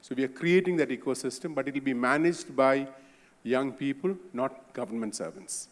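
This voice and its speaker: A man's voice: medium pitch, moderate pace. A man on a conference panel giving information in a matter-of-fact way. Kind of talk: panel discussion. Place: conference hall. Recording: long reverb of a hall.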